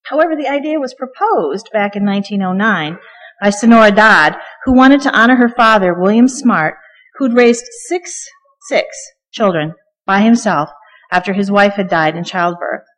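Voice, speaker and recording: A woman's voice: mid-range voice, expressive, moderate pace, fairly bright tone. A middle-aged woman preaching a conversational sermon from the pulpit, chatty and joking, with frequent ums. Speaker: guest preacher. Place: church sanctuary. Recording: long reverb of a church hall.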